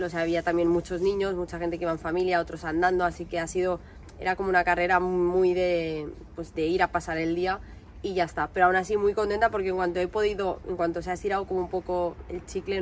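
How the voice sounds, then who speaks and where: A woman's voice: on the low side, level tone, fast, slight background noise. A woman in her twenties with a Spanish accent from Spain, giving a casual recap to a camera outdoors. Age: 20s. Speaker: vlogger and amateur runner. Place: outdoors by parked cars on a street.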